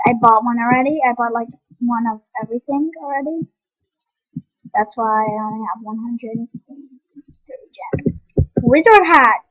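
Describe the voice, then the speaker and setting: A young woman with a high, slightly breathy voice talks slowly through an online game, rambling with lots of ums and false starts. The recording is dry and a bit dull and lo-fi. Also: no echo. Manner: rambling, many ums and restarts; eating while talking. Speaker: game vlogger. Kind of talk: casual gameplay commentary.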